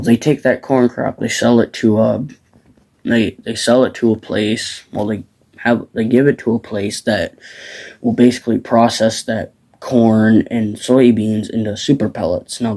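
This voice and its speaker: Outdoors as dusk falls, a teenage farm vlogger from the Midwest chats loosely about farms, stumbling through fillers and restarts. He has a warm voice that sits on the low side.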